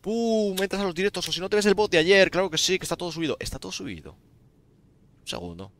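Sounding tired yet talking fast, a young game streamer from Spain chats casually with his live viewers in a Spanish accent, addressing them as "tío" and "gente". His voice is high with lively intonation, and there's no echo.

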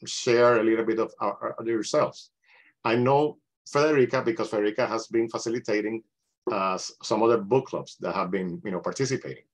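A middle-aged man leading a book club over a video call, talking casually with many restarts. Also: mid-range voice. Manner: hesitant, many restarts and "you know".

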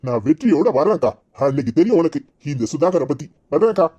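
A man's voice: on the high side, lively intonation, fast, mellow, highs cut off. A man playing a scheming young village man, sly and boastful, in a Kanyakumari Tamil accent. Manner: sly, cocky, persuasive.

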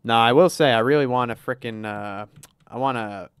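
Chatty male streamer, smooth dry voice. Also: medium pitch, normal speed, no echo. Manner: chatty, narrates his moves, reads chat aloud, laughs easily. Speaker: livestreamer. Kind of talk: casual gameplay livestream commentary.

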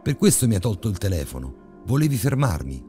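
A man voicing a frightened, furious young man who shouts out accusations. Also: lowish voice, sing-song, brisk, faint music behind, voice pushed up. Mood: accusing.

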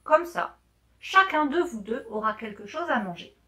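A woman voicing a sly, smooth-talking fox. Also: high voice, lively intonation, moderate pace, sharp tone, recorded from a distance. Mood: persuasive. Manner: smooth, persuasive, talks down to others. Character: cunning self-important male fox.

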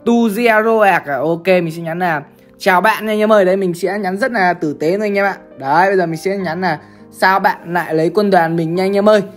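A gaming streamer from Bắc Giang, Vietnam, talks her viewers through a game in casual, chatty commentary. Her medium-pitched voice moves at a rapid clip, and she keeps calling out to the audience. Faint music plays softly underneath.

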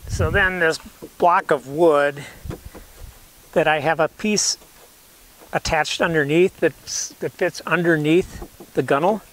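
An older man in his sixties talks through a hands-on demonstration in a loose, folksy way, often restarting and correcting himself. His voice sits a little high. He is outdoors on a lawn, picked up by a camera mic that is sometimes a few steps away. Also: slow, long pauses, fairly bright tone, poor audio. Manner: rambling, self-correcting, folksy. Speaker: canoe builder showing his rig. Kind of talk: casual how-to demonstration. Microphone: camera mic, sometimes far from camera.

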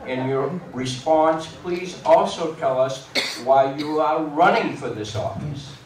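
A man moderating a candidates' forum, slow and deliberate, adding small asides. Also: a little high, crowd noise. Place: school hall, heard from afar. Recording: echoey hall, distant mic, faint noise.

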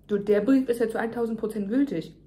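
A woman's voice: on the high side, fast, dark tone. A young woman venting emphatically in casual chat to her viewers, talking while chewing. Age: young adult. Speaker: vlogger. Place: home kitchen, indoors.

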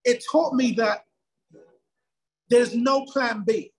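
Man telling his story with a husky voice. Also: very high voice, slow, rough recording. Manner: animated storyteller, acts out quoted dialogue. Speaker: guest. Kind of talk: casual interview storytelling.

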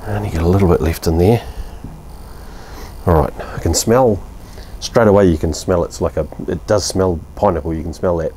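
A man in his fifties with a New Zealand accent casually reviews a beer at his outdoor home bar, talking at normal speed in a deep, mellow voice over slight background noise. He's laid-back and blunt, rambling with fillers and a little swearing.

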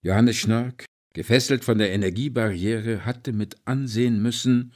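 A man's voice: mid-range voice, steady tone, normal speed, a little mellow. A man narrating an audiobook in a dramatic storytelling manner with varied emphasis. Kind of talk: scripted narration.

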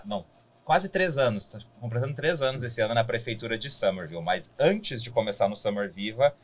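A man in his thirties from Brazil, a city hall staffer answering interview questions in a measured, explanatory way in a podcast studio. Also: medium pitch. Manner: measured, explanatory, frequent "né" tags. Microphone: boom-arm studio mic.

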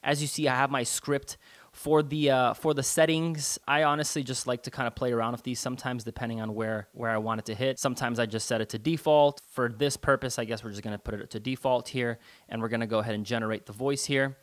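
A man narrates a screen-recorded tutorial in a relaxed, conversational way. His voice sits at an ordinary middle pitch. He uses easy slang and drops casual swear words as he explains each step. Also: fast talker. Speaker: online marketing tutor.

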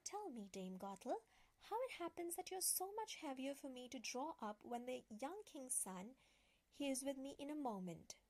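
Woman putting on bright, hopeful Rapunzel. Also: high-pitched, big pitch swings, moderate pace, heavily acted. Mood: innocent.

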